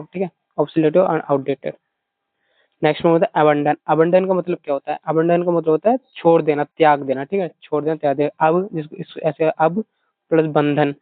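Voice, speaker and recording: A man's voice: fairly high pitch, no echo. A man teaching an exam-prep vocabulary lesson, repeating himself often and explaining words with mnemonics. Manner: repetitive, keeps saying "theek hai", explains with mnemonics. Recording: thin phone-like dry audio.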